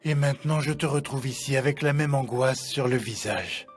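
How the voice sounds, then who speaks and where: Man playing an older priest in a soap, solemn and caring, middle pitch, faint music behind. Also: normal speed, close to an everyday voice. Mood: solemn, compassionate. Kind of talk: dubbed telenovela drama acting.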